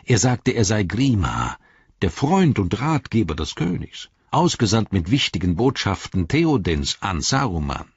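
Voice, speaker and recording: A young hobbit, voiced by a man, recounts his adventures in a low, husky voice that rises and falls with lively expression. The recording is dry and muffled. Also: measured pace, no room sound, heavily acted. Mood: storytelling. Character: young male hobbit telling his story.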